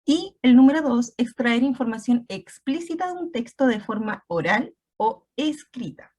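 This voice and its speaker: A woman's voice: on the high side, animated, measured pace, darkish tone. A woman teacher giving an online class, explaining step by step and often checking in with her students.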